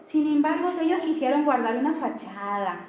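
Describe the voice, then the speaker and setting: A woman's voice: high voice, lively intonation, moderate pace, darkish tone, slight background noise. A woman preaching a Sunday sermon, emphatic and repeating key phrases, often putting rhetorical questions to the congregation. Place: church service hall. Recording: echoey, slightly dull church recording.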